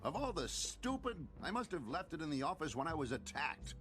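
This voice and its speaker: A man acting an earnest, reassuring male investigator in an anime dub, with a gravelly voice and emphatic, coaxing delivery. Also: on the high side, very animated, a little fast, fairly bright tone, soft background music. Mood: frustrated.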